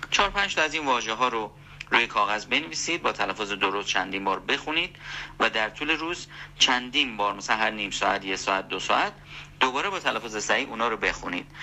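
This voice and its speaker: A man's voice: lowish voice, pushed and bright, slight background noise. A man teaching vocabulary in a methodical audio lesson, listing steps and asking rhetorical questions.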